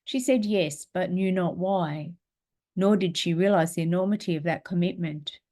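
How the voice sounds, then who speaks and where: A woman teaching a spiritual class, guiding a meditation in a slow, calm, gentle way and reading aloud. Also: fairly low pitch.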